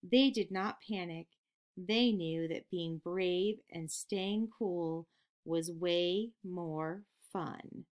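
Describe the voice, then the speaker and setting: A woman hosting a children's program, reading a picture book aloud in an expressive storytelling manner. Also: on the low side, drawn-out words.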